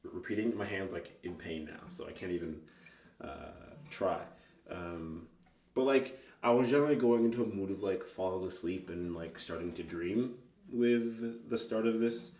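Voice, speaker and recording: An amateur singer-songwriter rambles casually and unscripted in a music vlog, hesitant and self-deprecating. His low, slightly mellow voice moves at a moderate pace. The mic is distant and the sound roomy, with a faint guitar.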